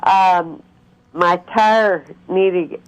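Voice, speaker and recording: A woman's voice: lowish voice, fairly even intonation, very slow, clear, resonant tone. A woman of fifty-nine calling in to a radio show, earnestly and insistently telling her personal story. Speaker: caller to a call-in show. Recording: dull, muffled phone call audio.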